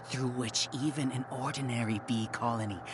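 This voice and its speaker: An actor playing an arrogant villain researcher who leads a hive mind, giving grandiose, condescending monologues in a video game. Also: male voice, medium pitch, steady tone, moderate pace, noisy background, close to an everyday voice. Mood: smug lecturing.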